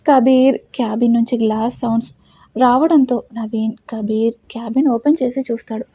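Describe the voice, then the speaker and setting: A woman's voice: a little high, steady tone, normal speed, warm tone, husky, no echo. A woman narrating a romantic audio story in a dramatic storytelling manner.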